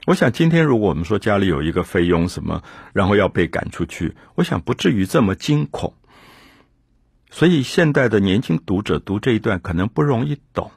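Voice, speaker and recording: A man's voice: on the low side, husky, dry recording, clean studio sound. A man lecturing on a classic novel in an earnest, musing way, stressing key words as he explains. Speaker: literature lecturer. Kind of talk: reflective literary lecture.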